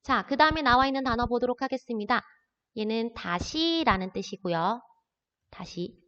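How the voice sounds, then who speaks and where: Animated and a bit bright, a woman with a higher voice runs an introductory language lesson at normal pace, patiently breaking down words step by step. This classroom recording is dull and lo-fi, with a long reverb tail.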